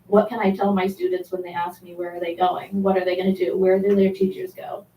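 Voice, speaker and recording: A woman teacher speaks at a public meeting with halting, impassioned words and frequent restarts. Her voice sits at an ordinary pitch. It carries through a roomy, reverberant hall from some distance off the mic, with a faint hiss underneath. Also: little pitch movement, warm tone. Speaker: elementary school teacher giving public comment. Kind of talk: public comment at a board meeting.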